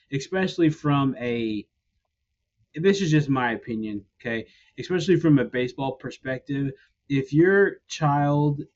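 A man's voice: medium pitch, lo-fi sound, a little hiss or hum. A man hosting a sports podcast, giving his opinions and walking through examples step by step in a casual chat. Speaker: podcast host.

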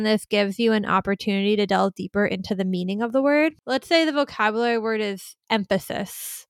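A woman's voice: mid-range voice, dry recording. A woman educator explaining classroom vocabulary activities in a casual podcast style, chatty and full of "like" fillers as she works through examples. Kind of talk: casual podcast teaching talk.

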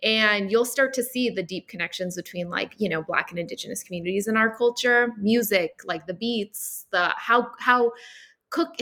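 A woman with a bright, sharp-edged voice at a middle pitch, speaking as a guest. She talks reflectively, often pausing on fillers as she works through her thoughts. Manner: reflective, heavy use of fillers. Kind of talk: casual conversation.

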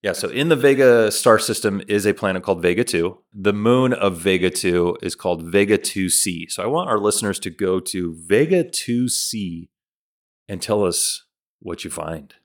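Male co-host, low-pitched, laid-back and jokey, casual chat. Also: moderate pace. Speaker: podcast co-host.

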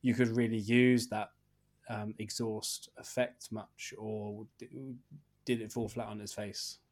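Casting: male interviewer, fairly low register, informal, stop-start questioning. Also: flat delivery, a little mellow. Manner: halting, repeats phrases as he asks. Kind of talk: casual interview.

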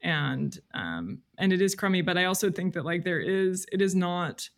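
With a low-leaning, creaky voice, this woman speaks expressively at a moderate pace. She's a freelance journalist on a podcast, in casual conversation, feeling her way thoughtfully and hesitantly toward her point.

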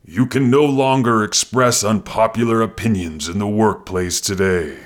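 A man's voice: lowish voice, moderate pace, close to an everyday voice. A man voicing a male announcer in a mock political campaign ad, emphatic and salesy.

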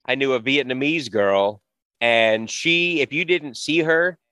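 A man's voice: medium pitch, unhurried, sharp tone, slight background noise. A man co-hosting a podcast, chiming in with agreement and personal anecdotes in casual movie chat. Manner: agreeable, chimes in, tells anecdotes. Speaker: podcast co-host.

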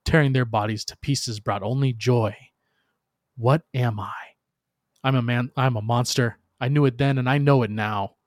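A man performing scripted dramatic narration as a bitter, bloodthirsty warrior, in a solemn, theatrical and deliberate manner. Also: mid-range voice, fairly even intonation, no echo, clean studio sound. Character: bitter, bloodthirsty alien warrior recounting his past.

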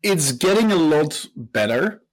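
Answering an interviewer's questions, a man in his thirties from Belgium, who works as a professor and co-founded a company, takes a relaxed storytelling approach full of fillers and restarts. His voice sits on the high side and moves at a measured pace. There is slight background noise.

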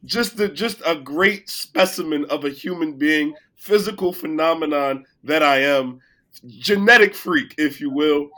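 A man co-hosting a casual sports podcast while sick, his voice cracking, playful and boastful, getting loud when excited. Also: fairly high pitch, measured pace. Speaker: podcast co-host.

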